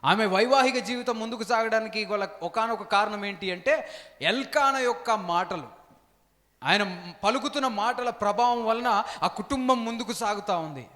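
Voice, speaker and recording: A male pastor preaches with a high voice. He repeats his phrases and calls out hallelujah. His voice rings out with a long reverb in a large church hall. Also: normal speed, bright, forceful tone. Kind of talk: sermon.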